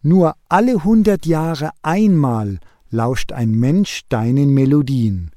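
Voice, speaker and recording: A man voicing a kindly, gently amused Lord God in a Christmas storybook reading, patient and unhurried. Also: fairly high pitch, expressive, no echo, studio quality.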